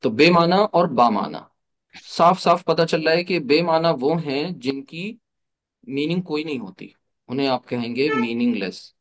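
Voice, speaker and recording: A man's voice: a little high, lively intonation, measured pace. A man teaching an online class, explaining step by step, asking rhetorical questions and mixing English terms into his explanations. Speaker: Arabic teacher.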